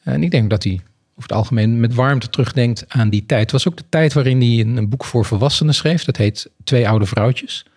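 Husky man hosting a book talk. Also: mid-range voice, darkish tone. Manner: thoughtful, hesitant pauses. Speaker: podcast host. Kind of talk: literary discussion.

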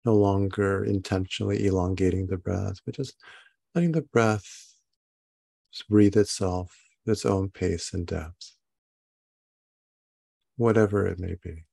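A man leads a guided meditation at a very slow, unhurried pace. His voice is fairly low, with a gravelly creak in it. He speaks calmly and haltingly, leaving long pauses as he gives simple instructions. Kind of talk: guided body scan meditation.

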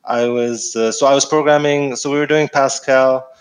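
Middle-aged man from Egypt, interview guest, easygoing and halting, mid-range voice. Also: medium pitch, rough recording. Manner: relaxed, many fillers and restarts. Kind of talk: casual interview.

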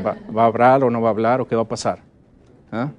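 A middle-aged man giving a conference lecture on teaching Bible stories, often checking in with his audience and slowing down to stress key words. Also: medium pitch, muffled recording. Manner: lively, asks the audience frequent check-in questions.

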